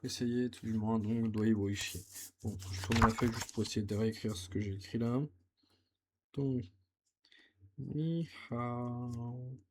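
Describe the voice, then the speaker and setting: A young man with a lowish, steady voice talks at a moderate pace in a casual learning vlog about his language practice. Recorded on a camera set on his desk with a touch of hiss or hum, he sounds hesitant, thinking aloud while he writes.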